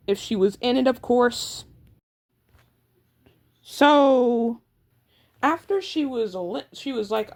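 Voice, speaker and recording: A high, darkish-toned female voice belongs to a creator chatting about the lore behind the characters she made. Her talk is rambling and loaded with filler words, with frequent stutters and restarts.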